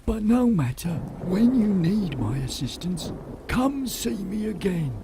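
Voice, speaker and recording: An actor playing an ancient, drowsy, kindly tree creature in a fantasy game, with a mellow, drawn-out, anxious manner. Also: male voice, big pitch swings, vocal fry, exaggerated voice. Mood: wistful, kindly. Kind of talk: game character acting. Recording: storm ambience and rumbling noise behind.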